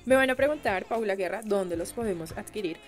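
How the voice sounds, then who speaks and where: A young Colombian woman with a Colombian accent, chatting warmly with viewers as a beauty vlogger, gushing and exclaiming over products she unboxes. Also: mid-range voice, fairly quick, faint music behind. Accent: Colombian Spanish.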